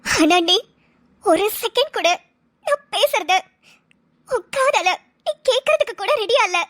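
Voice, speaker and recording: A woman's voice: very high voice, animated, slow pace, fairly bright tone, full character voice. A woman voicing a jealous young ex-girlfriend in a cartoon, whiny and pleading. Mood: bitter. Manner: whiny, pleading, self-pitying. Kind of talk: cartoon dialogue.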